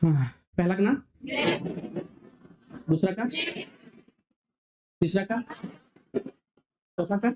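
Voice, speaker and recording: A male physics teacher lecturing a classroom, firing quick questions and waiting for students to answer. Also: high-pitched, background noise. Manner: quizzing students, call-and-response. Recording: dull lo-fi recording.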